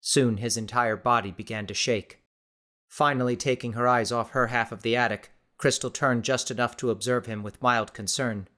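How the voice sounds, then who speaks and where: Man narrating a tense audiobook. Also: mid-range voice. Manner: steady, measured storytelling. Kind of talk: scripted narration.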